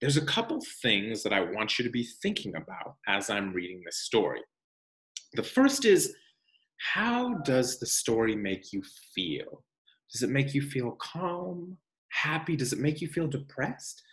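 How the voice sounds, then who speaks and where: With a voice in the mid range, a man reads a picture book to an audience of children like a teacher would. He is measured and expressive, using pauses for emphasis and guiding questions, recorded in an echoey room.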